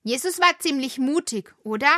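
A woman's voice: high voice, lively intonation, normal speed, sharp tone, no room sound, clean studio sound. A woman voicing a talkative, curious young worm child in a children's audio drama.

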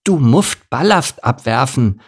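Small timid donkey, lisping, breathless, high-pitched, storybook voice. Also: male voice, animated, takes it slowly, husky. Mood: concerned. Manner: breathless, pleading.

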